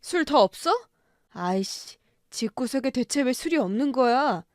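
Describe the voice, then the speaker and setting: A woman's voice: high-pitched, lively intonation, measured pace, no echo, clean studio sound. A woman doing a drunk, bullying husband. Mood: drunken rage. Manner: harsh, shouting, scornful. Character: drunk, violent middle-aged husband, bitter and bullying. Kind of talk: story radio drama reading.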